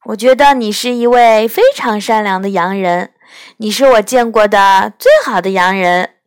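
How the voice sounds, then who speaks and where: A woman's voice: mid-range voice, moderate pace, smooth, no room sound, studio quality, close to an everyday voice. A woman voicing a caring, anxious little girl who speaks eagerly and urgently in a storybook reading. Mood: comforting.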